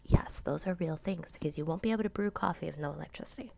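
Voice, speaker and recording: A woman's voice: sits low, fast talker, creaky, a little mellow. A woman from Florida, a teacher, whispering through a casual home how-to vlog while sick and sniffly. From Florida, USA. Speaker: teacher and channel host. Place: at home in a dark room.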